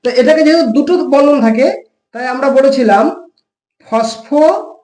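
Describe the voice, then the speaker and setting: A woman's voice: high-pitched, fast talker, mellow, reverberant, low-quality recording. A woman teacher with a West Bengal Bengali accent who explains step by step, asking questions and answering them herself. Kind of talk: classroom science lesson.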